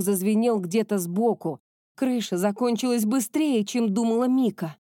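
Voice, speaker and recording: A woman narrating a fantasy novel as an audiobook in a steady storytelling manner. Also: mid-range voice, no echo, studio quality.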